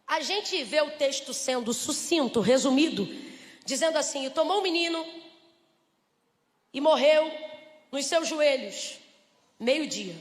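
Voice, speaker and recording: A Brazilian woman preaching a lively church sermon, asking the congregation rhetorical questions and acting out little scenes. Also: sits high, a little slow, long pauses. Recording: reverberant church hall.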